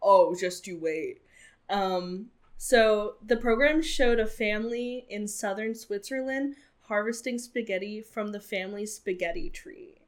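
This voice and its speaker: A woman's voice: mid-range voice, unhurried. A woman co-hosting a casual podcast, telling a story in a chatty way with frequent ums and laughs. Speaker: podcast co-host. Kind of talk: casual chat.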